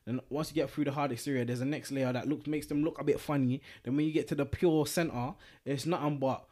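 A man's voice: medium pitch, fairly even intonation, fast talker, darkish tone. A man co-hosting a podcast, talking in a rambling casual way and often asking if you know what he's trying to say. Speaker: podcast co-host. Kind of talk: casual chat.

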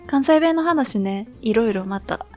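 A woman with a Kansai accent chats easily on a podcast, her voice sitting a little high. She stretches her phrases out and laughs softly now and then. Faint guitar music plays underneath. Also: expressive, a little slow. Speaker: podcast co-host. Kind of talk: casual chat.

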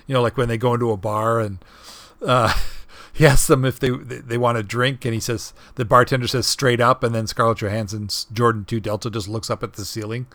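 A man in the middle of his range, talking through a film review in a loose, halting way. He restarts phrases and chuckles as he goes. The sound is close and dry. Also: mid-range voice, steady tone, a bit bright, dry recording. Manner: halting, many restarts and fillers, chuckles often. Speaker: podcast co-host. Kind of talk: casual film review chat.

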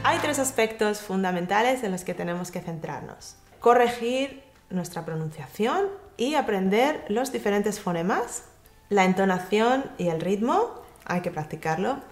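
A woman gives casual pronunciation advice, speaking lively and directly to the viewer. Her voice sits at a middling pitch. The room adds a noticeable echo. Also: unhurried, faint music behind. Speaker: English pronunciation teacher and YouTube host. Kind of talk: casual tutorial talk to camera.

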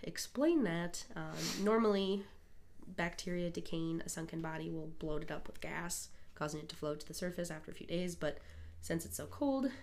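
A woman's voice: on the low side, moderate pace, darkish tone, a little hiss or hum. A young woman from Minnesota co-hosting a podcast, chatty and bubbly with lots of fillers, her nose stuffed up from a cold. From Minnesota, United States. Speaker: podcast co-host. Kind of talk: casual chat.

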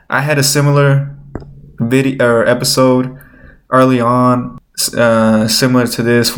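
A man with a nasal, slightly stuffed-up voice, rambling informally as he hosts an unscripted solo show. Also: mid-range voice. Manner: rambling, informal, thinking aloud. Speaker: host of a solo podcast. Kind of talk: unscripted casual chat.

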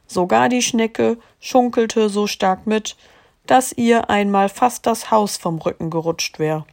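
A woman reading a children's storybook aloud to a child, calm and gently expressive. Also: medium pitch, slow, creaky.

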